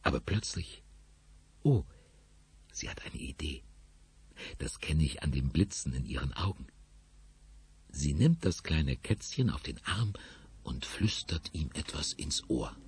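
Very deep, husky male narrator. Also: lively intonation, a little slow, long pauses, a little mellow, dry recording. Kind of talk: children's radio play narration.

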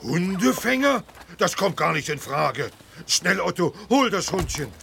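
A high, gravelly, swooping voice plays a big clumsy elephant in a children's radio play. He is good-natured and naive, full of plaintive exclamations, with noise behind him. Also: very animated, a little slow, a bit bright, exaggerated voice. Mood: urgent. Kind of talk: children's audio drama.

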